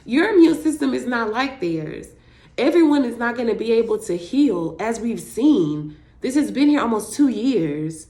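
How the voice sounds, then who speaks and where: A woman's voice: a little high, expressive, moderate pace, dark tone. Young woman, vlogger, casual personal story, chatty, lots of fillers. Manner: chatty, many fillers like "like" and "you know".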